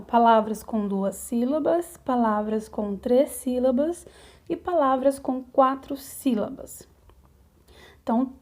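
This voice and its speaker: A woman's voice: high-pitched, darkish tone. A Brazilian woman teacher giving a recorded video lesson to young pupils, explaining patiently step by step and checking in often. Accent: Brazilian Portuguese. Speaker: primary school teacher.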